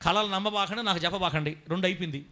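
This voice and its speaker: Fervent high-voiced pastor. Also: male voice, racing, sharp tone. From southern India. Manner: fervent, calls to the congregation for amens. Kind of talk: sermon.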